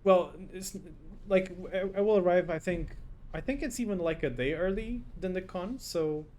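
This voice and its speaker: Chatty male game streamer, slightly high voice. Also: lively intonation, moderate pace, darkish tone. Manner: chatty, rambling, reacts aloud to the game and chat. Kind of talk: casual live-stream chat while playing.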